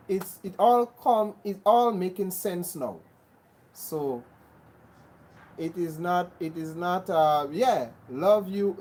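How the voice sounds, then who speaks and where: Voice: mid-range voice, a little mellow, low-quality recording. Grenadian host greeting livestream viewers. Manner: repeats greetings, thanks viewers by name. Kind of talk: casual livestream chat.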